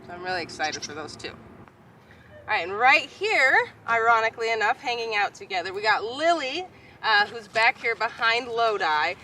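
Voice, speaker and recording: A woman's voice: on the high side, very animated, moderate pace, bright, forceful tone. A woman vlogging casually as a goat farmer, chatty and affectionate when she talks to her animals. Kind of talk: casual vlog narration. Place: outdoors in a goat pasture. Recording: outdoor noise with bleating goats. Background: goats bleating, faint outdoor ambience.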